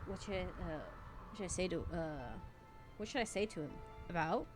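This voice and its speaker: A woman's voice: lowish voice, moderate pace. A woman giving casual, chatty commentary as she streams a game. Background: game music.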